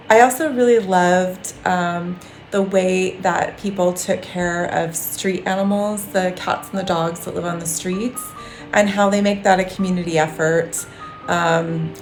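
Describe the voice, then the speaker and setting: A woman with a lowish voice speaks earnestly about her reasons for moving abroad, often pausing on an um. The room rings with echo. Soft music plays behind her. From United States. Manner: earnest, frequent ums. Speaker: interviewee. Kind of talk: casual personal account. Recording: echoey room.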